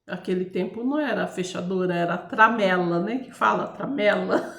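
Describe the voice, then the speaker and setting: With a gravelly, medium-pitched voice, a Brazilian woman tells her personal testimony casually, her Brazilian Portuguese accent clear and the room audible around her. She chats along, keeps drawing listeners in with tag questions, and often stalls, restarts and hunts for the right word.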